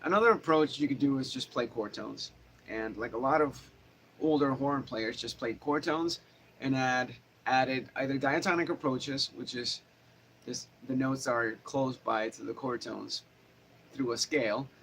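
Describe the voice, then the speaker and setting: A man's voice: mid-range voice, unhurried, a bit bright, slight background noise. Chatty man teaching guitar live. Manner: rambling, self-correcting, chatty. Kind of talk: casual live-stream guitar lesson. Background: guitar playing.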